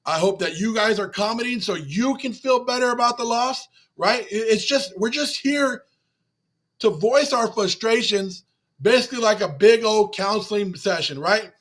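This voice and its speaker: His voice is high-pitched and fairly bright, moving at a moderate pace. As a fan channel host ranting on a postgame livestream, he reads out chat messages and answers them emotionally, circling back to the same points.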